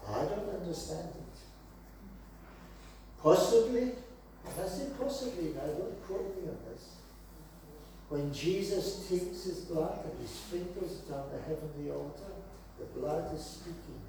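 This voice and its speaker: A man's voice: a little high, measured pace, dark tone, slight background noise. A man preaching a sermon to a small gathered congregation, earnest and emphatic, repeating key phrases. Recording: very echoey room, voice from far off.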